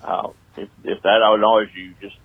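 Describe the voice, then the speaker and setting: A man's voice: on the low side, little pitch movement, moderate pace, husky, dry recording. An older retired man leaving a rambling, chatty voicemail, played back over a phone line. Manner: rambling, chuckling, loose and chatty. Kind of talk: casual phone message.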